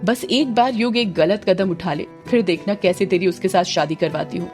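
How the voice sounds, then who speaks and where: A woman's voice: fairly low pitch, normal speed, a little mellow, faint music behind, natural voice. A woman voicing a harsh, scheming middle-aged mother who scolds and orders her daughter about. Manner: scolding, commanding.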